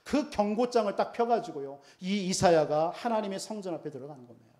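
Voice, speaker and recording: A man's voice: high voice, expressive, a little fast, a little mellow. A male pastor preaching a sermon emphatically, often putting rhetorical questions to the congregation.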